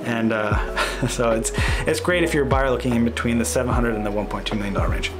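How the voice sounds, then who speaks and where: With music playing behind him, a thirty-something real estate agent with a mid-range voice rattles through an informal market update on screen share. He talks fast, thinks aloud, and leans on fillers while correcting himself.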